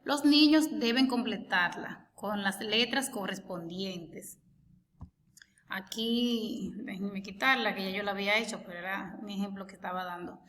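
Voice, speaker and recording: A woman's voice: mid-range voice, normal speed, few pauses, fairly bright tone, long reverb tail, slight background noise. A woman teacher patiently explaining a homework lesson, stretching out words as she sounds them out and asking the listener questions. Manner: asks the listener rhetorical questions.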